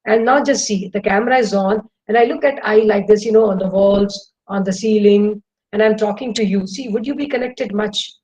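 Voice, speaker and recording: A woman's voice: medium pitch, normal speed, rough recording. A middle-aged woman with an Indian English accent, giving an enthusiastic webinar talk to students over a video call. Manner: lively, enthusiastic lecturing with demonstrations. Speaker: guest speaker.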